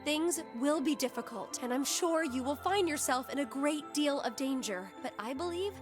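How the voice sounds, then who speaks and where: A woman voicing a calm, earnest young woman guide in a video game, speaking in a soft, measured way. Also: high-pitched. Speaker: game character. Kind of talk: dubbed video game dialogue. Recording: game audio over loud music. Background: game soundtrack.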